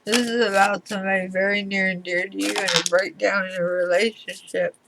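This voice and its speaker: A woman giving a tarot reading to viewers in deliberate short phrases, her speech slightly slurred as if from a swollen mouth. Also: mid-range voice, flat delivery, creaky, background noise. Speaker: tarot reader.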